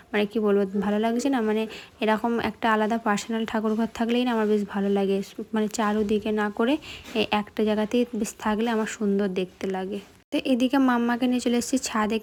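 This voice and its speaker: A young woman giving a chatty voice-over for her home vlog. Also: mid-range voice. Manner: quick, even, chatty narration to viewers. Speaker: vlogger.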